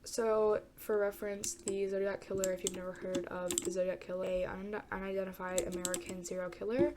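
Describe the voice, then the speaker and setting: She's a gamer discussing true crime: a congested young woman speaking a little fast in a mid-range, level voice, casual but halting, rambling with many fillers and restarts. There's a bit of hiss or hum, plus loud keyboard typing behind her.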